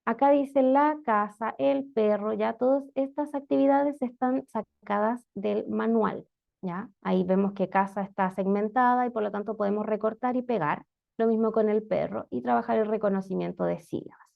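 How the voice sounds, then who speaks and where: Woman teaching, gravelly, muffled audio. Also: mid-range voice, normal speed. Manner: explanatory, frequent "¿ya?" and "eh" checks. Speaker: special education instructor. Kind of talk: online lecture on teaching reading.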